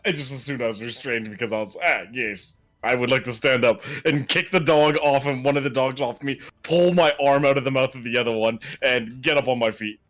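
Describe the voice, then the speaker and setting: A man playing a tabletop game, jokey and excitable as he calls his moves. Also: mid-range voice, brisk. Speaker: player.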